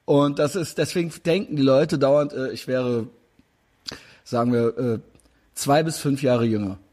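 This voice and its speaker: This forties-aged man speaks in a mid-range, dark-toned voice at a measured pace. He's interviewing a guest informally over video call, wandering through his points with frequent fillers and false starts.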